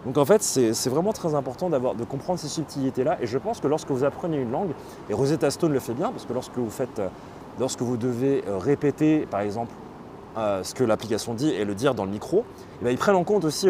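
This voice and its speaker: A man hosting a live stream, explaining things casually and pausing often on fillers as he reads and answers chat. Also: mid-range voice, animated, background noise. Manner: explanatory, hesitant, with many fillers. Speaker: livestream host.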